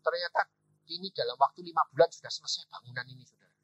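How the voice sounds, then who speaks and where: A middle-aged evangelist preacher delivers a storytelling sermon fast, acting out quoted dialogue with sudden loud, high bursts. He is animated and repeatedly calls the congregation "saudara". The recording is dry and dull.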